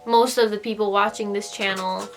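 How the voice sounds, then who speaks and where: Over background music, a young adult woman with an American accent, from the United States and Japan, chats informally to camera, working through viewers' questions as she thinks aloud. Her pitch is medium and her tone level, at a normal pace. The recording quality is low.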